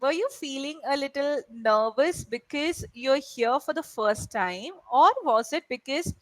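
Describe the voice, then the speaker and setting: This is an online tutoring session led by a woman from India who grew up speaking Malayalam. Her high-pitched voice is expressive and measured, with no room sound around it. She encourages her student and repeatedly checks in by asking "right?"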